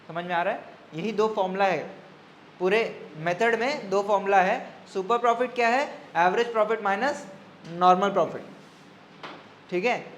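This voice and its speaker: A man teaching an accounting class. He repeats key phrases, keeps checking that students follow, and slows right down to dictate formulas. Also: high voice, fairly bright tone, slight background noise. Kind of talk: classroom lecture.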